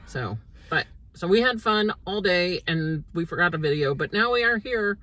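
A woman, chatting in a lively, rambling way while vlogging from a parked car. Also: fairly low pitch, normal speed. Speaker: homestead vlogger. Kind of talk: casual chat. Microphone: phone on the dashboard. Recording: slightly distant phone mic with faint car noise.

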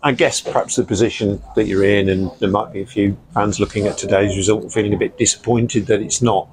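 A man's voice: on the low side, steady tone, brisk, slight background noise, poor audio. An English man interviewing a football manager after a match, asking long, rambling questions with fillers. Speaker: club reporter and interviewer.

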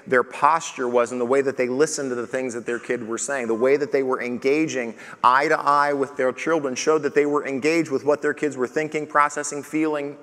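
A man preaching as pastor at a parenting conference, talking lively and acting out the questions he asks his children. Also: medium pitch, long reverb tail. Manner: animated, acts out questions to his kids.

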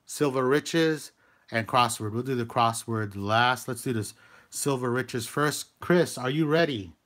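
A man's voice: mid-range voice, a bit bright. A man hosting a live stream, scratching lottery tickets, greeting viewers by name and urging each ticket on. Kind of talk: casual live-stream commentary.

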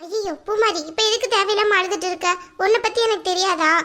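A woman voicing an older mother-in-law in an animated family drama, speaking firmly and soothingly. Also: very high voice, fast. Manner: firm, soothing.

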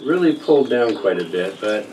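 The audio is poor, with a little hiss or hum, as an older man at a moderate pace chats wryly to camera while working on a prop. He rambles with a lively pitch, first in a small cluttered room indoors, then out in a patio workshop.

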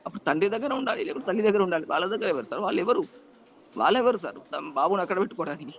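A man's voice: high voice, lively intonation, racing, highs cut off. A man, pleading emotionally in a news interview and repeatedly appealing to the interviewer. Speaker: interviewee, estranged husband.

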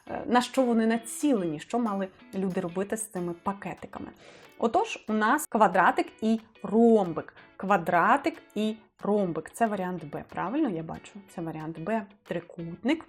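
Female Ukrainian tutor, mid-pitch, explains test logic aloud, faint music underneath. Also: husky. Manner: explanatory, thinking aloud, frequent fillers. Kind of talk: test walkthrough lesson.

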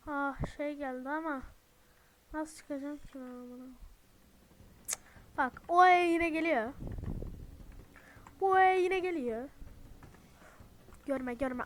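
A young woman streaming a horror game, swearing a lot, yelling in panic at the enemies and then whispering pleas not to be seen. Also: high voice. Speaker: gaming streamer. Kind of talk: horror game let's play commentary. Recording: faint background noise.

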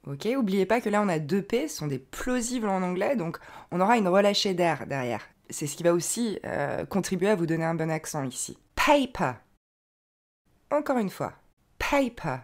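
This woman's voice is on the low side with a darkish tone as she teaches pronunciation. She says each English word slowly and clearly, repeats it, and encourages learners with explanations between words.

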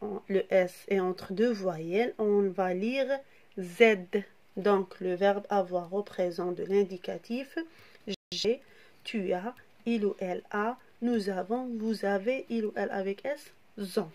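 A woman's voice: mid-range voice, slow, a little mellow. A woman teaching a French grammar lesson to young children, spelling words out letter by letter and asking the class questions. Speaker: primary school French teacher.

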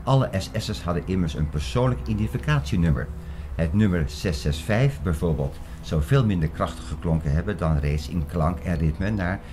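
This Dutch audio drama monologue features a man with a low voice acting as an earnest theorist who insists, emphatically and didactically, on an apocalyptic conspiracy. A prominent music bed runs beneath him, along with background noise.

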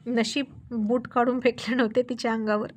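Woman narrating a story, fairly high voice. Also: level tone, moderate pace. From Maharashtra, India. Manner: narrates and voices characters' quarrels.

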